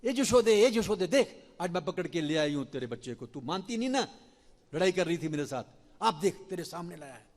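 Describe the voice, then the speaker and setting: A man putting on a shrill indignant village milkmaid. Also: expressive, a little fast, in a large hall. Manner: shrill, accusing.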